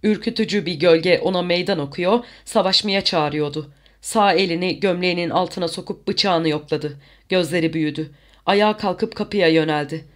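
Audiobook narrator, steady even storytelling, middle pitch. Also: normal speed. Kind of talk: scripted narration.

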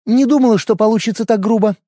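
A man's voice: high-pitched, fast talker, warm tone, no echo, studio quality, pitched above the performer's own voice. A man voicing a brash young commoner woman who apologizes reluctantly, in an audiobook. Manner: reluctant, hissing.

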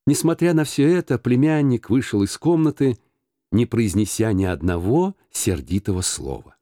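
A man narrating a classic story as an expressive audiobook reader. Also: medium pitch, moderate pace, no room sound, studio quality.

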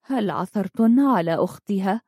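A woman reading the lines of a sorrowful young princess in a faint, gentle voice. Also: medium pitch, animated, normal speed, no echo, clean studio sound.

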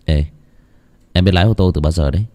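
A man's voice: low-pitched, quick pace, mellow, dry recording, pitched below the performer's own voice, close to an everyday voice. A man voicing a stubborn, injured young man who barks orders in a ghost story reading. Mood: wry.

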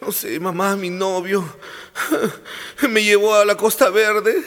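A man's voice: high-pitched, steady tone, takes it slowly, a bit bright. A man voicing a shy, embarrassed young daughter who speaks hesitantly. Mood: timid. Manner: timid, hesitant. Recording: long hall reverb.

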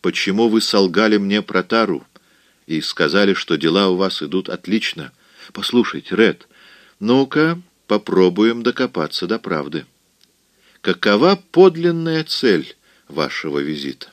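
A man voicing a cold, worldly man in an audiobook, speaking in a cool, quiet, cutting way. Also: deep voice, big pitch swings, a little slow, no room sound.

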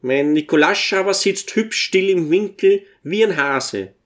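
Casting: meek, bashful little dwarf servant, high and soft, read by a male narrator. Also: animated, measured pace. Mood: humble. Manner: timid, bashful, humble. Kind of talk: audiobook character voice.

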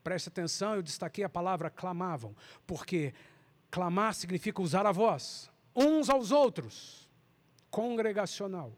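A man teaching a lesson on praise and worship, fervent, sometimes breaking into loud singing. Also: high voice, normal speed.

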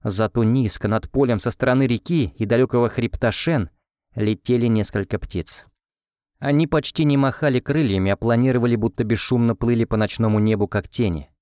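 A man narrating a first-person fantasy audiobook in a measured storytelling manner. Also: mid-range voice, a little mellow, no room sound, studio quality.

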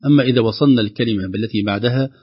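A man's voice: mid-range voice, rapid-fire, husky, dull audio. A man teaching the rules of Quran recitation, explaining each rule and then reciting the example himself. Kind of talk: tajweed lesson with recited examples.

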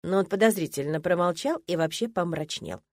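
A woman's voice: lowish voice, brisk, darkish tone, no room sound, studio quality. A woman narrating a first-person fantasy audiobook in a wry, ironic way.

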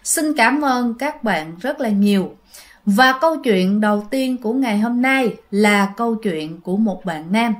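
A woman's voice: a little high, lively intonation, measured pace. Chatty woman telling ghost stories. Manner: chatty, addresses listeners directly. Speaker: storyteller and channel host. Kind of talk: spoken ghost story narration.

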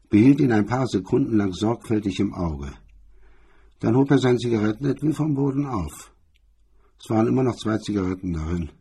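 A narrator with a husky, raspy, warm voice reads a hardboiled crime story in a measured, literary style. His pitch is fairly low.

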